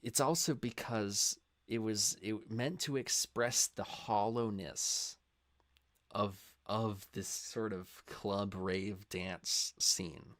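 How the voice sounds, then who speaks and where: A young man hosting a reaction video, talking in a rambling, filler-heavy way that swings into loud, impassioned rants. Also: fairly low pitch, fairly even intonation, slow. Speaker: reaction channel host. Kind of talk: casual reaction commentary.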